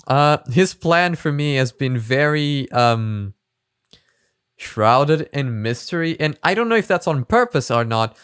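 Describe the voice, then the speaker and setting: A man's voice: on the high side, animated, unhurried, a bit bright, clear, resonant tone, no echo, studio quality. A man hosting a reaction video, talking casually in a chatty, rambling way with many fillers.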